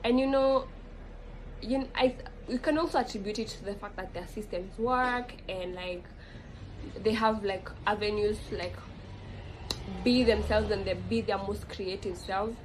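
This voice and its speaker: Her voice mid-range and a little slow, a young Kenyan woman talks through a loose, reflective vlog monologue. Fillers, restarts, and self-corrections pepper her rambling speech. The rough recording carries a little hiss or hum.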